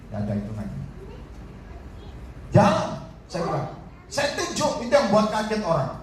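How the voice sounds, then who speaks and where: A man's voice: high voice, normal speed, heavy reverb. Man, evangelist sermon, direct to the congregation, faint background noise, far from the mic. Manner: animated, addresses the congregation directly and repeatedly. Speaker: evangelist preacher.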